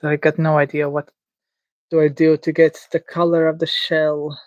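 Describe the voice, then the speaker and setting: A streamer from Latvia talks through a drawing live, thinking aloud. The voice sits in an ordinary middle pitch. The sound is dry and close, and the talk stays unsure and gently self-mocking. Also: level tone, moderate pace, dry recording, lo-fi sound. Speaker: livestreamer. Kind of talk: casual commentary while drawing live.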